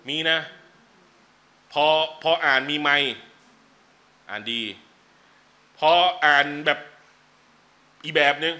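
Guy teaching a religious class, super bright tense voice, pitched a bit high, chatty and jokey. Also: very slow, pauses often. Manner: chatty, joking asides, switches to formal teaching points. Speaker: Islamic teacher. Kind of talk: casual religious lecture. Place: lecture venue.

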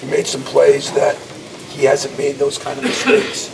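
This coach, a man in his sixties leading a college basketball team, sounds gravelly, mid-range, monotone, and a little slow as he answers a post-game press scrum outside the locker room. His manner is emphatic and anecdotal. Reporters hold their mics in a tight close cluster, but the recording in the noisy hallway sounds distant, about a step off.

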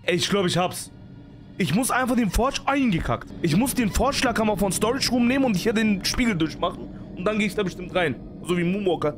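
A man's voice: sits high, animated, brisk, music in the background. A man giving panicky, jumpy let's play commentary on a horror game, full of sworn exclamations. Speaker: gaming streamer.

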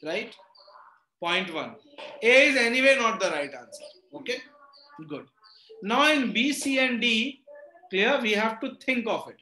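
A high-pitched male teacher with a North Indian accent speaks in a room with noticeable echo. He leads the lesson interactively, slipping Hindi phrases into English and repeatedly asking short questions to check understanding. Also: sharp tone. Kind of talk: interactive online reasoning lesson. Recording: roomy echo on the voice.

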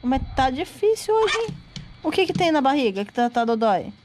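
A woman's voice: high voice, very animated, normal speed, darkish tone, faint music behind, low-quality recording. A woman in casual baby talk to her pets at home, cooing and repeating pet names in a sing-song way. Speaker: vlogger talking to her pets. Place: home with dogs around.

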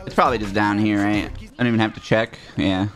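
A man's voice: on the low side, fairly even intonation, fast, faint music behind. Sarcastic young man streaming a game. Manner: sarcastic, self-mocking, swears freely. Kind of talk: casual gameplay commentary.

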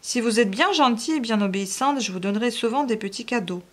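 A woman reading an audiobook aloud and voicing a fawning, obsessive aging gentleman who coaxes and pleads. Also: a little high, lively intonation, quick pace. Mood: wheedling. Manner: coaxing, insistent, rising to pleading.

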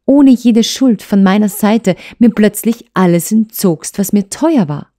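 A woman's voice: lowish voice, a little slow, mellow. A woman reading as a hurt young wife. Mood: reproachful. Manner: emotional, urgent, reproachful.

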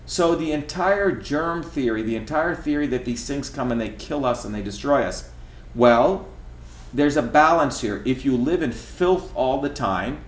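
A middle-aged man from India, talking while he cooks in his home kitchen, emphatic and lecturing, often asking "okay?" to drive his points home. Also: mid-range voice. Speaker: host. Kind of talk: casual talk while cooking. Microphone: camera across the kitchen. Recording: echoey kitchen room.

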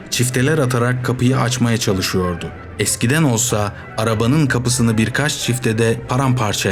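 A man reading a novel aloud as audiobook narrator, with steady, measured storytelling. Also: mid-range voice. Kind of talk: scripted narration.

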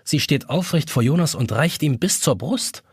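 Male audiobook narrator, expressive, a bit higher voice, very animated delivery. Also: moderate pace, slightly rough, dry recording, studio quality. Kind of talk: scripted narration.

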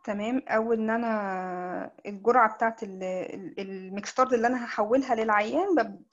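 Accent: Egyptian Arabic. Sex: woman. Pitch: fairly high. Pace: very fast. Style: medical lecture. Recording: dull video call audio. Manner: rapid, explains step by step with many restarts. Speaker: doctor giving an online lecture.

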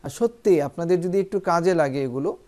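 A teacher giving a spoken English lesson, explaining each point to the viewers and then reading English example sentences slowly and carefully. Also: medium pitch, warm tone. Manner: addresses viewers directly and often.

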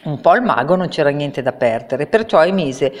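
A woman reading a children's storybook aloud in a calm, measured way. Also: low voice. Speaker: reader. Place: public library. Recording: reverberant room.

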